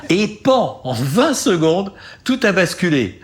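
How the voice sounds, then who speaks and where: A man's voice: high-pitched, sing-song, slow pace, a crowd in the background. A man hosting a travel show, narrating in a casual, chatty way and often laughing.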